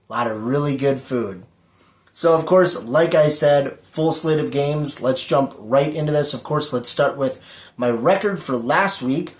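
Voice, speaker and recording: A man's voice: mid-range voice, roomy sound. A man hosting his own football prediction show, talking casually with lots of fillers and a dry sarcastic streak. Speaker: sports prediction show host. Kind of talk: casual solo sports talk.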